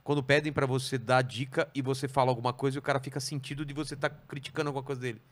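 A man hosting a casual podcast chat, jumping in with quick, eager remarks. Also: medium pitch, steady tone.

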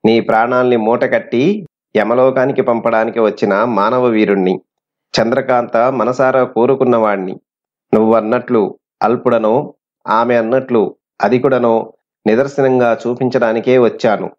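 A man's voice: medium pitch, fairly even intonation, moderate pace, close to an everyday voice. A man voicing a brave young male hero who speaks boldly and challengingly, on a dull lo-fi recording. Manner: bold, challenging.

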